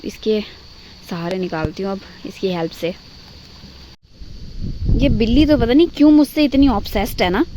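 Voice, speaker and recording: A woman's voice: mid-range voice, dull audio, background noise. A young woman vlogging at home on her phone. She chats casually and gushes, repeating herself for emphasis. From Himachal Pradesh, India. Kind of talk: casual vlog chat. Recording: echoey, roomy sound.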